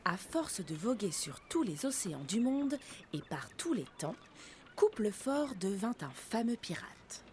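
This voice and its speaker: A woman narrating a children's storybook in an expressive, lively manner. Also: medium pitch, unhurried, a little hiss or hum.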